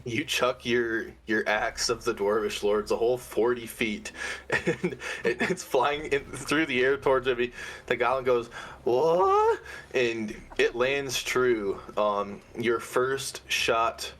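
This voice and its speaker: A man narrating as game master of a tabletop game, relaxed and hesitant with fillers. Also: mid-range voice, slow pace.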